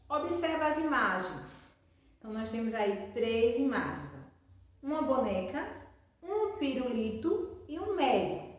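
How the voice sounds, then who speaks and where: High-voiced woman teaching young children. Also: distant mic. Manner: slow, sing-song syllable drilling, asks and answers her own questions. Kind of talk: remote school lesson for children. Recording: echoey room, voice from off-mic.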